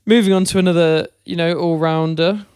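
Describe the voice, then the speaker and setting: Young guy on a cricket podcast, kinda high, smooth voice, dry close mic. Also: fairly even intonation, fairly quick, darkish tone, dry recording. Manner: thoughtful, hesitant with fillers. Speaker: podcast co-host. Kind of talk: casual cricket chat.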